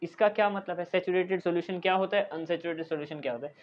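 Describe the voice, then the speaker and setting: A male teacher explaining a science lesson, often checking in with "thik hai" and slowly dictating definitions as he writes them. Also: high-pitched, muffled recording, a little hiss or hum. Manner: dictates English definitions slowly while writing. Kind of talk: classroom lecture.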